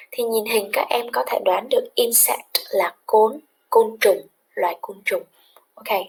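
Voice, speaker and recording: A woman's voice: a little high, slightly rough, rough recording. A woman English teacher patiently explaining a lesson to children, switching between English and another language.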